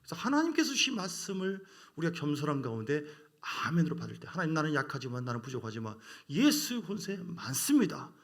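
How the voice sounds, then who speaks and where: A man's voice: on the high side, sing-song, quick pace, hardly any pauses. A man, a pastor, preaching a sermon in church, reading scripture and acting out quoted voices as he talks.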